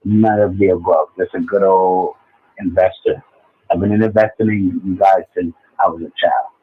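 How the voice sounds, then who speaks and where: A man in his forties calling into a show over a muffled, low-quality phone line that sounds underwater, rambling and hard to follow. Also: fairly even intonation, normal speed, husky, no echo. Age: 40s. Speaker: caller. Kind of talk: call-in show chat.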